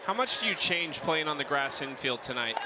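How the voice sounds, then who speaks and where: A man doing play-by-play for a live softball broadcast, asking the mic'd-up player questions between pitches. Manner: brisk, calls plays with sudden excitement. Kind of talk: live sports commentary. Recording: broadcast booth over loud crowd and noise.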